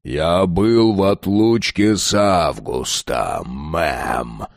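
Gruff brutal thug, as a male reader does him, slow growling talk, lowish voice. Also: no room sound, studio quality, full character voice. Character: rough thuggish male ex-convict, crude and brutal.

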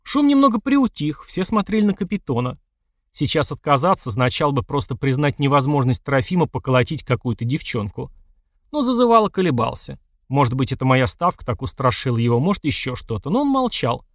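A man narrating an audiobook in lively storytelling. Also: medium pitch, brisk, no echo, clean studio sound.

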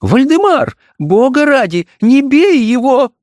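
Man doing a shrill, fussy society wife. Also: expressive, unhurried, a little mellow, big-room sound. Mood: alarmed. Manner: shrill theatrical alarm, wheedling. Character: elegant young society wife, theatrical, fussy.

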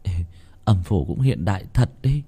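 A man voicing three excitable teenage boys who talk cheekily and stammer when nervous. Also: on the low side, moderate pace, breathy edge, heavily acted. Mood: cheeky.

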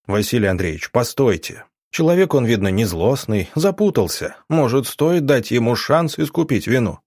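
A man voicing a calm, cunning doctor who speaks in measured, deceptively kind tones. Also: medium pitch, breathy edge, dry recording, studio quality. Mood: scheming. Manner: calm, measured, turning cold.

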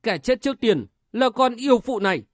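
A man's voice: very high voice, lively intonation, a little fast, no echo, clean studio sound, pitched above the performer's own voice. A man voicing a haughty, cold young martial-arts princess in an audiobook, speaking in a commanding tone. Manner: imperious, commanding.

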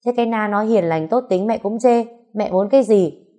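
A woman's voice: lowish voice, fairly quick, a little mellow, natural voice. A woman reading the part of a firm, earnest middle-aged man pressing his mother. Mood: insistent. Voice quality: earnest, persuasive.

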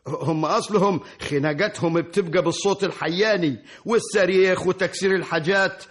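An actor playing a deferential, talkative servant giving testimony, with an Egyptian accent, in a radio drama. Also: male voice, sits high, a little fast, slightly rough. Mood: eager. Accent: Egyptian Arabic. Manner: eager, deferential. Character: Eisawy, a talkative servant witness.

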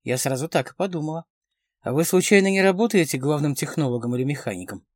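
A man reading the part of a playful, teasing woman who flirts quickly and slyly, in a dry close recording. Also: a little high, expressive, no echo.

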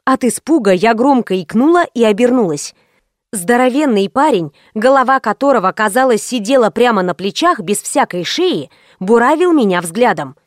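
A woman narrating a first-person story as an audiobook, brisk and lively. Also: fairly high pitch, dry recording, studio quality.

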